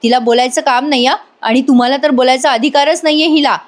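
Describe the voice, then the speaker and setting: A woman's voice: high voice, fairly even intonation, quick pace, lightly acted. A woman doing a protective, earnest young wife. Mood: indignant. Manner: earnest, firm when defending.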